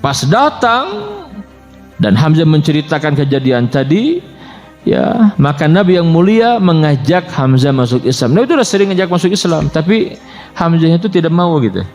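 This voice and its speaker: Casting: lively male preacher, higher voice, pitch all over the place, keeps talking straight to the room. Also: normal speed, faint music behind. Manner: animated, addresses listeners as "Pak". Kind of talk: sermon with storytelling.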